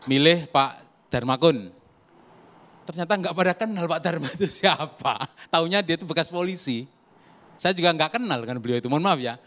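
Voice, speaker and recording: A man's voice: a little high, normal speed. A man arguing emphatically as a guest commentator on a political talk show. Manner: emphatic, lively argumentative.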